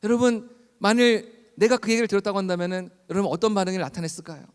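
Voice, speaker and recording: A man preaching a sermon in an earnest, fervent way, building up to loud pleas. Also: sits high, quick pace, clean tone. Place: church hall. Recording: long reverb of a church hall.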